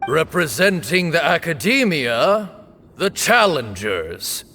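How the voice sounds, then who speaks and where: A man's voice: a little high, sing-song, slow, bright, forceful tone, soft background music, exaggerated voice. A man playing a solemn officiant of a sacred duel in a fantasy game, proclaiming formally and grandly, with long reverb. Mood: commanding.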